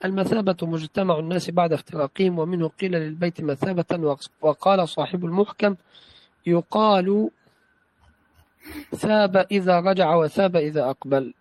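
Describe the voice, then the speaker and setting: A man with a high voice recites a classical text in a study session. He reads carefully and repeats phrases after a correction. The recording is dry, with no room sound. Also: brisk, darkish tone, no room sound, low-quality recording. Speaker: student reading a text aloud to a teacher.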